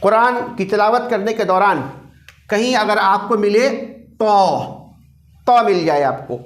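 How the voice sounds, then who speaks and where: A man's voice: sits high, a little slow. Give me a man teaching a recitation class in a roomy space. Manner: repeats each point and quizzes the class. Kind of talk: classroom lecture. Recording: roomy echo.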